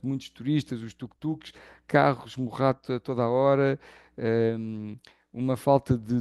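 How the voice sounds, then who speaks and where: Gravelly-voiced Portuguese man, dark tone. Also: medium pitch, no echo. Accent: Lisbon Portuguese. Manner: thoughtful, searching for words with many fillers. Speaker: interview guest. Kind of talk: reflective conversational interview.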